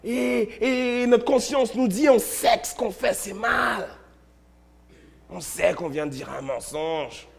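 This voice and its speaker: High-voiced man preaching a storytelling sermon. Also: slow pace, gravelly. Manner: storytelling, repeats words, shifts between loud and hushed. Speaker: pastor. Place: church.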